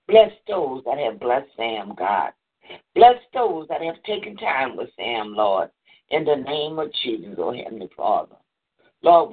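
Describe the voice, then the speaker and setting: A man prays fervently and rhythmically, his pitch swinging widely as he rises on each plea and drops on every "Lord". The sound comes through a thin, tinny phone line. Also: vocal fry, husky. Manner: fervent, rhythmic, repeating "Lord" and "in the name of Jesus". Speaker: prayer leader. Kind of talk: intercessory prayer.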